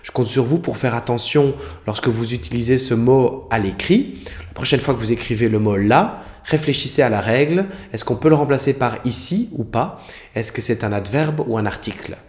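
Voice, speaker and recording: A man's voice: mid-range voice, moderate pace, darkish tone. A man teaching a French spelling lesson, explaining examples carefully and spelling out letters.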